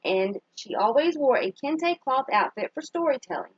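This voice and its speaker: In a dry, somewhat dull recording, a woman reads a children's picture book aloud like a teacher, her voice fairly high, very lively and husky. She pauses for simple questions to her young listeners and praises their answers.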